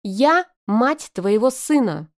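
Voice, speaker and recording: A woman voicing a shrill, scheming young woman who shrieks indignantly at her ex. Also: lively intonation, normal speed, lightly acted.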